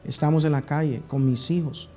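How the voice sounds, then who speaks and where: A man from Honduras, giving an earnest personal church testimony, halting and restarting as he goes. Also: on the high side, steady tone, mellow, soft background music.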